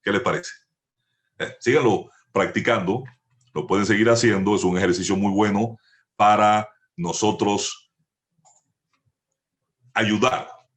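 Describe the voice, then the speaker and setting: A man teaching a voice and speech lesson, measured and instructive, drawing out each vowel as he demonstrates. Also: lowish voice. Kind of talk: slow, deliberate voice lesson.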